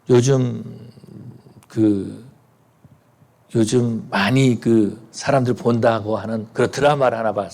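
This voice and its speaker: A man's voice: medium pitch, gravelly, a little mellow. A man preaching a sermon as pastor, earnest and rising to fervent appeals to the congregation.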